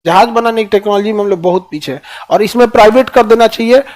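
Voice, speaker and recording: Male teacher, Bihari accent, very high pitch, chatty rhetorical lecturing style. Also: quick pace, darkish tone. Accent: Bihari Hindi. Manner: rhetorical questions, colloquial. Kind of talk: classroom lecture.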